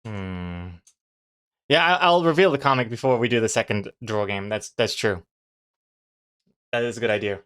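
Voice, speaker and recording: A comic artist from New Zealand, whose accent is mixed and not quite Kiwi, chats casually with livestream viewers and thinks aloud in rambling fashion. The voice is mid-range, smooth and a bit bright, at normal speed with long pauses.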